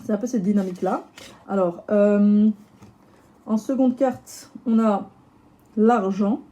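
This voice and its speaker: A woman with a slightly hoarse voice, chatting casually through a tarot reading with lots of fillers and restarts. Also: medium pitch, fairly even intonation, slow pace, warm tone. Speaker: tarot reader.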